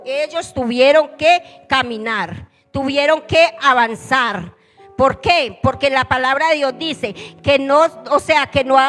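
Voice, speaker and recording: A woman's voice: high voice, a bit bright, big-room sound. A woman church leader preaching a fervent sermon and putting questions to the congregation.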